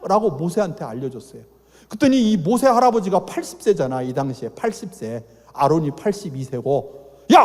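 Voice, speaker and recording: A man, an Old Testament professor, giving a lively, colloquial Bible lecture at a church, dramatizing the stories as he goes. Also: sits high. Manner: dramatic storytelling, acts out characters, colloquial. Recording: echoey church hall.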